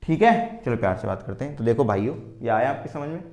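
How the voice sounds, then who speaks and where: A man's voice: medium pitch, fast talker. Man, Indian accent, physics lecture, teasing quiz-style delivery, roomy echo. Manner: lively, quizzing students and answering his own questions, teasing. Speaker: physics teacher. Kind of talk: classroom lecture at a board.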